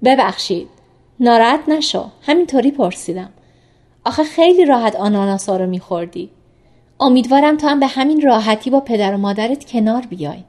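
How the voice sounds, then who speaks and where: Woman voicing a soft, coaxing young male doctor, higher voice, storybook reading. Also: close to an everyday voice. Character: gentle teasing male doctor, young adult. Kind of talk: audiobook character reading.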